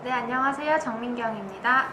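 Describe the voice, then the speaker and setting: A woman's voice: on the high side, brisk. A woman co-hosting a casual talk show, speaking through a face mask. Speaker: co-host. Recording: distant, echoey, clear air-conditioner noise.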